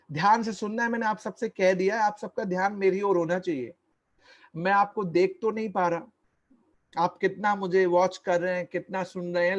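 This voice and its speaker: A man with a voice that sits high delivers an online lecture on tax slowly and deliberately. He repeats the key points and quizzes his listeners.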